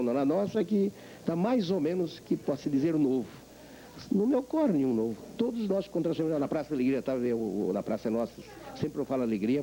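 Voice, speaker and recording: An older man, a veteran voice actor, being interviewed and telling animated stories about his craft. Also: fairly low pitch, a little hiss or hum, poor audio. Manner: animated storyteller, acts out voices. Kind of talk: reflective interview talk.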